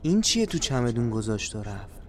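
A man's voice: medium pitch, big pitch swings, a little hiss or hum, natural voice. A man acting a reflective, reassuring character in a poetic audio drama. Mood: curious.

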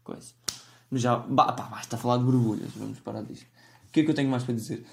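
This solo podcast host, a man with a European Portuguese accent, talks quickly in a creaky mid-range voice, with a little hiss or hum on the recording. His casual monologue rambles and mocks himself, and he keeps starting his sentences over.

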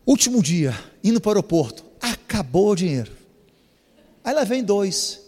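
A male preacher telling a story in a sermon, animated and bursting into shouts. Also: high-pitched, normal speed. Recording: reverberant hall.

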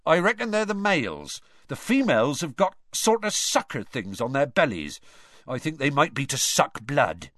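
A man voicing a big, rough but kindly gamekeeper who talks gruffly and drops his consonants. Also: fairly high pitch, very animated, moderate pace, a bit bright, no echo, voice pushed up. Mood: eager. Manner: gruff, clipped dropped-consonant speech.

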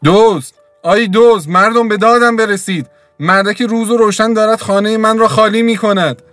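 A man's voice: sits high, steady tone, fairly bright tone, dry recording, pitched above the performer's own voice. A man voicing a fierce, poor village mother who screams in defiant, raw outbursts, with faint music behind. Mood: screaming.

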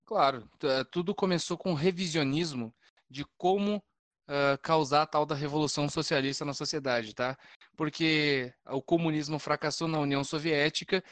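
A Brazilian man with a somewhat high voice explains things in a casual podcast manner. He often restarts and stammers into a point, and the sound is dry, free of room echo. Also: fairly bright tone. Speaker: podcast panelist.

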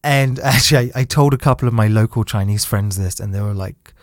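A man's voice: fairly low pitch, quick pace, no echo, clean studio sound. A man in his thirties chatting casually, laughing often and restarting his sentences. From United Kingdom. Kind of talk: casual conversation.

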